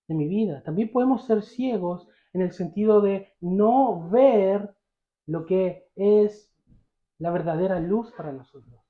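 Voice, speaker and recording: A man's voice: high voice, roomy sound, narrow, tinny audio. A male pastor preaching a sermon, telling the story vividly and asking the congregation questions.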